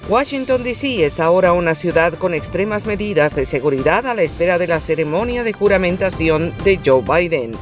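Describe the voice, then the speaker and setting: A woman's voice: lowish voice, expressive, a little fast, hardly any pauses, faint music behind. A woman presenting scripted news headlines in a formal AM radio broadcast manner.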